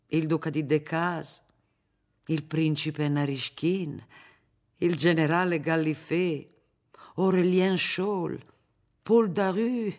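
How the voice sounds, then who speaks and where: A reader voicing a weary, dignified woman cook who speaks with quiet gravity in a storybook reading. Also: medium pitch.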